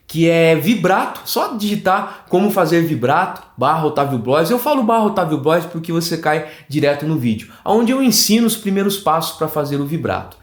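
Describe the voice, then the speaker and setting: Lively Brazilian male flute teacher. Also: a little high, a little fast, hardly any pauses. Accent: Brazilian Portuguese. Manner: animated, explanatory, checks in with "tá?". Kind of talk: online music lesson. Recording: roomy echoey room.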